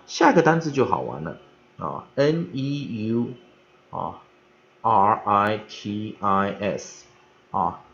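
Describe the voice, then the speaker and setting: A man teaching English pronunciation, spelling out letters and repeating each word slowly three times, with many spoken fillers. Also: mid-range voice, vocal fry, darkish tone. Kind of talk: vocabulary pronunciation lesson. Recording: dull lo-fi recording.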